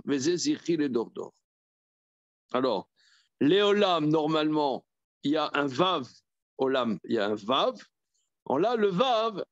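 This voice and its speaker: Rabbi leading a study class, higher voice, halting delivery with repeated words, dry and dull lo-fi recording. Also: male voice, dry recording. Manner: halting, repeats words, reads verses aloud and then explains. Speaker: rabbi teaching a Torah class. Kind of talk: Talmud study lesson.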